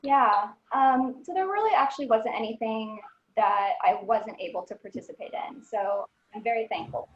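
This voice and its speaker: Brief: woman guest with a higher voice, earnest storyteller, roomy and slightly dull recording. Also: normal speed. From Southern California. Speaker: alumna guest. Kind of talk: recorded alumni interview. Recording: echoey lo-fi room.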